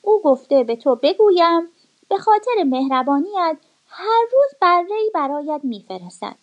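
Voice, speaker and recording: A woman's voice: extremely high pitch, very animated, dull audio, voice pushed up. A woman voicing a clever, lame young goat kid in a storybook reading, coaxing and persuasive.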